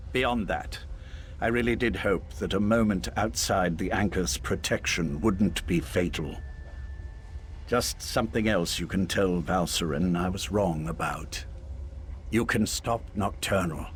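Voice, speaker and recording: A male actor voices a calm, self-sacrificing mage in a video game, his delivery measured, formal and wry, tinged with quiet regret. The voice sits low, and there is a slight hiss or hum.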